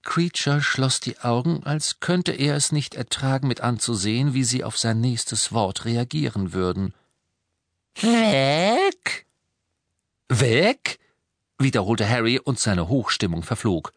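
A man narrating a storybook as an audiobook, measured and expressive. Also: mid-range voice, no echo. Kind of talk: scripted narration.

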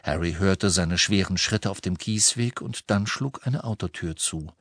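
A man narrating a novel as an audiobook in measured, expressive reading. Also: low-pitched, no echo, studio quality. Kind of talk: scripted narration.

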